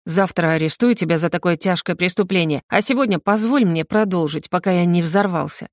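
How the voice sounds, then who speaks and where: Brief: teasing, growly young policeman as a woman reads him, husky edge, dry close sound. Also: lowish voice, brisk, no room sound, natural voice. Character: gruff young male police officer, teasing. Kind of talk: audiobook character voice.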